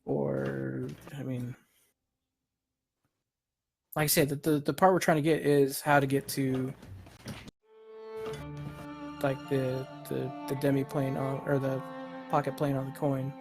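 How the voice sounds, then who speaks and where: A man's voice: medium pitch, flat delivery, measured pace. A man chatting casually as a player in a tabletop game, thinking aloud in a hesitant, rambling way. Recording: music clearly behind.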